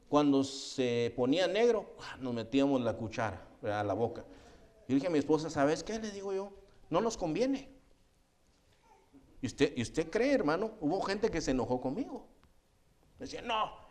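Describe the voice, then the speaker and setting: A middle-aged man preaching a sermon as pastor, animated and often calling listeners "hermano". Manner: acts out quoted voices with rising pitch.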